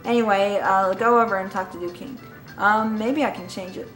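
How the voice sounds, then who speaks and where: A woman's voice: mid-range voice, fairly even intonation, normal speed, a bit bright, reverberant, faint music behind, low-quality recording. Giggly woman doing game commentary. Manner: giggly, apologetic, rambling. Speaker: gaming channel host. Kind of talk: let's play commentary.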